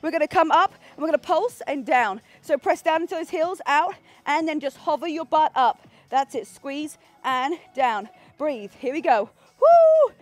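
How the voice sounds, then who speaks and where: A woman leading a workout class outdoors like an energetic aerobics instructor, counting down and urging people on. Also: high-pitched, moderate pace, no room sound. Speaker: fitness instructor leading a live home workout. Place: outdoors on a backyard pool deck. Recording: music playing behind the voice. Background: workout music.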